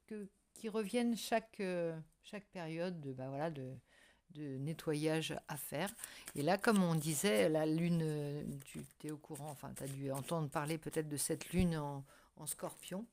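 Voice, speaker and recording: Woman, slightly low pitch, casual tarot host, hesitant delivery, searching for words. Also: a little mellow. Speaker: tarot reader and channel host. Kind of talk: casual tarot card reading to viewers.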